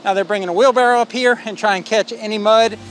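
A man's voice: high voice, steady tone, quick pace, music in the background. Man vlogging from a rural job site. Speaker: homestead vlogger. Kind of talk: casual walk-and-talk narration. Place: outdoors on a rural building site. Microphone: phone held at arm's length.

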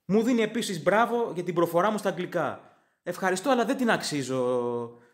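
A man, a native English speaker, hosting a podcast and reading fan comments out loud, sarcastic and opinionated. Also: high-pitched, lively intonation. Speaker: podcast host.

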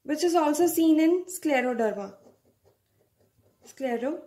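Slow, high-voiced woman lecturing. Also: lively intonation, dark tone. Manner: slow and explanatory, often adding a checking "right?". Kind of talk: medical lecture.

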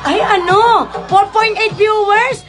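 A woman's voice: very high-pitched, fairly even intonation, slow pace. A woman ranting on a livestream, brash and laughing as she swears and teases her viewers. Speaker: online live seller. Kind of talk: livestream rant. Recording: loud music and crowd noise.

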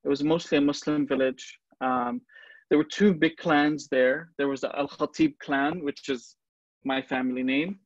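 A man's voice: fairly high pitch, fairly even intonation, moderate pace, dry recording. Hesitant man in his thirties on a video call. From Lebanon. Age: 30s. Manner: hesitant, many ums and restarts. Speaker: museum docent and guest speaker. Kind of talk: personal talk on a virtual tour. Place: small room at home, indoors. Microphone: video call, earbuds. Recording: dull, dry video call audio.

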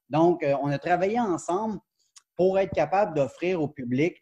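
A man in his forties with a Quebec French accent speaks over a webcam from a sunroom. His voice is mellow and slightly husky, a bit high for a man, and he talks animatedly with frequent fillers and self-corrections as he explains his research. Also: highs cut off. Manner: animated, gestures a lot, many fillers and restarts. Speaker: professor and book author, guest. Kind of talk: academic interview over video call. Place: glass-walled sunroom indoors. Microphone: video call webcam.

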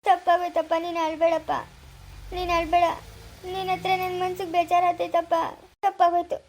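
A young man playing a remorseful son in an amateur village drama, softly comforting and apologizing to his father. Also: extremely high pitch, monotone, brisk, slight background noise. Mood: pleading. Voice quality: soft, pleading, apologetic.

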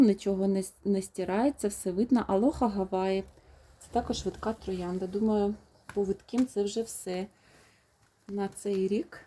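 Warm-voiced chatty woman vlogger. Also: medium pitch, slight background noise. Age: adult, has a young child. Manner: fond, chatty, talks to viewers. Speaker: rose gardening vlogger. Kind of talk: casual unboxing chat.

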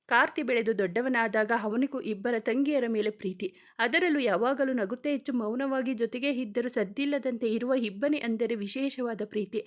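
A woman storyteller narrating a romantic story in a steady, even reading voice. Her pitch sits somewhat high for a woman.

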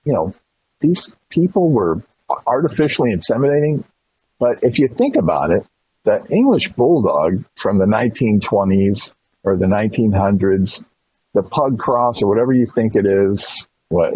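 A man's voice: lowish voice, mellow, slightly rough, no room sound, dull audio. A middle-aged man being interviewed about dog breeding, telling long rambling anecdotes and acting out the people he quotes. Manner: acts out quoted people in shifted voices.

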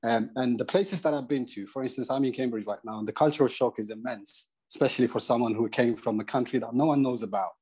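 A young man from Eritrea, asking a question on a video call through earphones, hesitant and halting with many fillers. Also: mid-range voice, a little mellow, slightly rough. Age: young adult. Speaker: audience member asking a question. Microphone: earphone mic.

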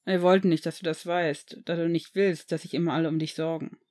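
A cheerful young shopkeeper with a friendly, easygoing manner, as a woman reads him. He speaks gently and reassuringly, in a plain audiobook reading. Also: low voice, fairly even intonation, a little fast, pitched below the performer's own voice, natural voice. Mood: earnest. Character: young man, warm cheerful shop owner.

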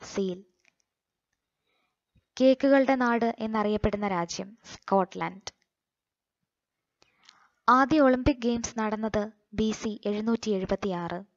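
A Malayali woman reading quiz questions and their answers for exam coaching, in a slow, measured manner. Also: medium pitch, no room sound, lo-fi sound.

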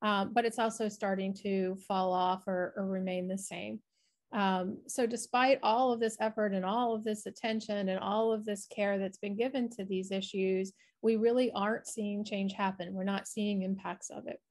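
In an online presentation over a video call, a middle-aged woman researcher explains her work. Her mid-range voice is steady, slightly mellow, and at normal speed, captured through webcam framing.

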